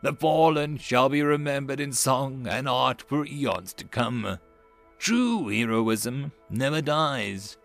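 A man voicing a regal elven queen who calls her subjects to war in a grand, declaiming speech with drawn-out words. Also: mid-range voice, animated, gravelly, a bit bright, faint music behind, heavily acted. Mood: rousing.

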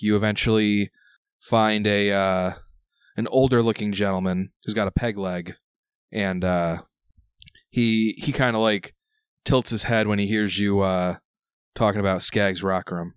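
A man working as game master, improvising narration in a halting, conversational way. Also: fairly low pitch, clear, resonant tone, no room sound, clean studio sound. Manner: halting, conversational phrasing with repeated "like".

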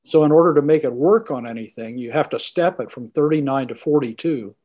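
A man's voice: medium pitch, a little fast, darkish tone. A man talking casually as a podcast co-host. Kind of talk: casual chat.

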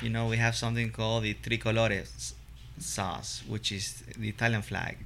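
A man's voice: lowish voice, little pitch movement, normal speed, creaky, fairly bright tone, a little hiss or hum. A man casually explaining things in a conversation, eager and instructive in his way of talking. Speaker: pasta shop representative.

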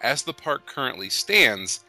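A man hosts a casual podcast discussion, steering a ranking game. His voice is medium in pitch and strikingly bright and crisp-edged, with a little music underneath. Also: sing-song, unhurried. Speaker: podcast host.

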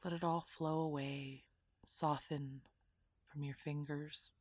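A woman guiding a relaxation meditation in a soft, half-whispered, soothing voice. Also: low-pitched, fairly even intonation, slow pace, dry recording, clean studio sound. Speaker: meditation guide.

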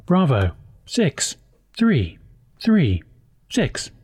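Man reciting in numbers-station monotone. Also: a little high, breathy edge. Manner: slow clipped reading of single numbers and letters, like a numbers station. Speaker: podcast co-host.

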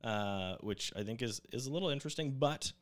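A young man co-hosting a podcast in casual, rambling conversation. He jokes often and restarts his sentences, his voice sitting at an ordinary middle pitch. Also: lively intonation, brisk. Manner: joking, rambling, many fillers and restarts. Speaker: podcast co-host.

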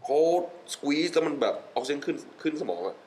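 A man's voice: fairly high pitch, moderate pace, slight background noise, low-quality recording. A young adult man talking casually as a podcast guest, enthusiastic, often laughing and repeating words for emphasis. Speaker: wellness guest. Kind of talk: casual interview chat mixing English.

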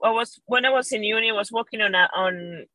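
Talking fast in a medium-pitched voice, a wine educator from Venezuela guests on a podcast, chatting casually about wine with a Venezuelan Spanish accent. Warm and enthusiastic, she laughs frequently and restarts phrases; the recording is dry.

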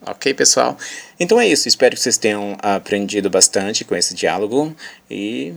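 A man hosting a podcast lesson, patiently explaining an English dialogue with many pauses and fillers, reading the English lines slowly and carefully. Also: on the low side, expressive, creaky. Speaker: English teacher.

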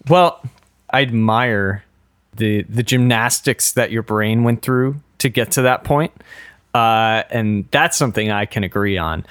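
A man's voice: on the low side, unhurried, a bit bright, clean tone, no room sound. A man co-hosting a podcast in casual chat, dry and teasing, reading out old notes. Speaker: podcast co-host.

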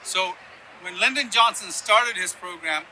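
He talks a little slowly, his voice high, bright and forceful, on a low-quality recording with slight background noise. An interview guest and conservative activist born in Ghana and raised in Sudan, Yemen and Ethiopia, he delivers opinionated political explanations, regularly asking "right?"

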